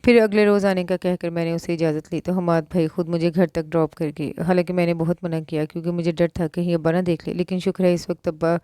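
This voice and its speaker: A woman narrating a romance novel with a low, mellow voice. Her delivery is steady and even. The sound is dry and close to the mic. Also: quick pace, hardly any pauses, clear, resonant tone, no echo.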